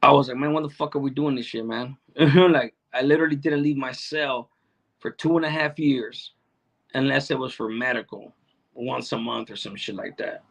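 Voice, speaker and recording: A middle-aged man hosts a livestream and chats back to viewers in loose street slang, full of swearing and frequent repetition. Salvadoran by background and raised among Chicano neighborhoods, he speaks with a steady, mid-range voice that is fairly bright with vocal fry, at a moderate pace.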